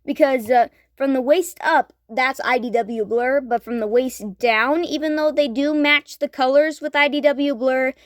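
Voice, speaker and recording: A woman's voice: high-pitched, measured pace, few pauses, dry recording, clean studio sound. A woman in her thirties giving a casual toy review, eager and rambling, with lots of fillers and restarts. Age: 30s.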